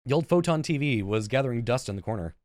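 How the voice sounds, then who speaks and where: The recording is a clean studio sound with no room sound: a man in his thirties, a let's-playing gaming YouTuber, reads visual novel narration informally at a quick pace. His medium-pitched, expressive voice has a darkish tone, and he stumbles over words and adds casual asides. He sits at a computer indoors with game music in the background.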